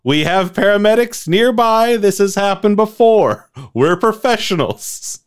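A man voicing a calm, official male tournament announcer in improvised role-play. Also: unhurried, clear, resonant tone. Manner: high, loud, formal announcing.

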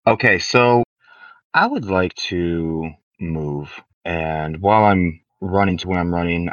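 Player: man with a very low voice, eager and quick, dull lo-fi dry sound. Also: no echo. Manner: quick, eager spell planning. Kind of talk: casual tabletop game play.

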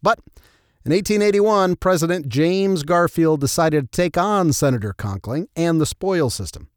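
Male, true crime narrator, fairly high pitch, dry studio-like sound, scripted storytelling, wry, tongue-in-cheek. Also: no room sound. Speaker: narrator and host of a history show.

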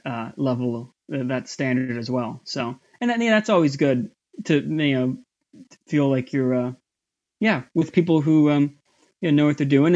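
A man guesting in a casual interview about his voice acting work, talking in a halting way with many fillers and restarts. His voice is somewhat high. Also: a little mellow, dull audio. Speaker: voice actor guest.

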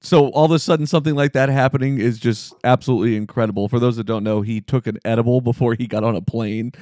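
A man's voice: medium pitch, steady tone, fast talker, darkish tone, no echo, clean studio sound. A man co-hosting a basketball podcast, laid-back and joking as he chats. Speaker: podcast co-host. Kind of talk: casual sports chat.

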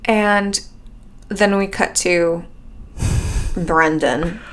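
A woman's voice: fairly low pitch, extremely slow, a bit bright. Chatty woman co-hosting a podcast. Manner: chatty, agreeable, recounts scenes step by step. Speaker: podcast co-host. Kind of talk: casual chat recapping a TV show.

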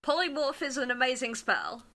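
A woman's voice: high voice, sing-song, moderate pace, sharp tone. A woman bantering casually as a player in a tabletop role-playing game.

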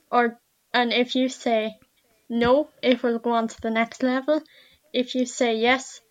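Unhurried, even-toned west of Ireland woman. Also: a little high, no room sound, rough recording. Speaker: podcast guest. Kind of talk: informal explanatory interview answers.

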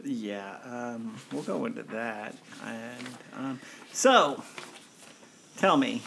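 A man's voice: mid-range voice, animated, extremely slow, creaky, fairly bright tone, a little hiss or hum. A man from Missouri, a podcast co-host, chatting casually and making dry, teasing quips. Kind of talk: casual chat.

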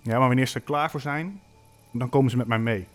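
A creepy ghost boy who lives in the walls coaxes in a hushed, whispery voice, as a man puts him on while telling a spooky tale. A faint bed of music sits underneath. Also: mid-range voice, fast talker, lightly acted. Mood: eerie coaxing.

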